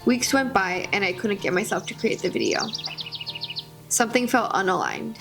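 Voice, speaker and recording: A woman tells a personal story in a vlog, wry and expressive, dropping comic asides as she goes. Her pitch sits in an ordinary middle range. Faint music plays softly under her voice. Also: moderate pace, gravelly. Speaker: vlogger. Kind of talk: storytelling narration.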